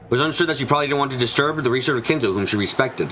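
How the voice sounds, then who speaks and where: Over music, a streamer narrates a mystery visual novel as a fan dub, stumbling slightly and rereading lines now and then. The voice is medium-pitched, a bit bright and rapid-fire, and the recording is rough.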